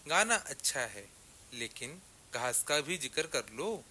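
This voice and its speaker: A man's voice: mid-range voice, big pitch swings, slow, bright, forceful tone, slight background noise, full character voice. A man voicing a greedy, good-natured female goat who loves food in a children's story. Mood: cheerful. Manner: easygoing and food-loving.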